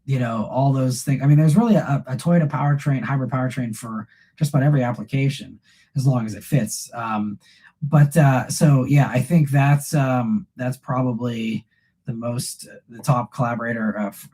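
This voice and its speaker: Sitting in a room at home with shelves behind him, a man hosts a live car stream, his medium-pitched, slightly mellow voice made scratchy and rough by a cold. He answers viewer questions loosely, rambling and thinking aloud.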